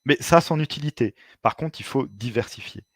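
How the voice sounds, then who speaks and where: A man's voice: mid-range voice, expressive, a little fast, breathy edge, dry recording, studio quality. A man presenting a webinar as an expert, explaining informally and hesitantly, with frequent filler sounds and restarts.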